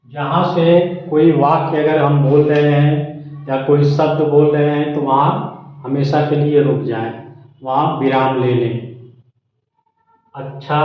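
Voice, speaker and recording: Slow, echoey Hindi grammar teacher. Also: male voice, on the high side. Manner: slow, drawn-out teaching with frequent "ठीक?" checks. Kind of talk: slow explanatory lesson. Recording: very echoey room, slightly dull sound.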